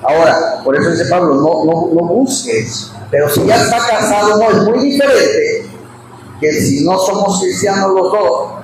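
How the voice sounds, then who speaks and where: A man with a high voice delivers a sermon, firing questions at the congregation and chuckling between points. The recording sounds like a big echoey church hall. Steady background noise sits under his voice. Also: moderate pace. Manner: animated, questions the congregation and laughs often. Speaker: pastor. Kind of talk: expository sermon at a Bible study.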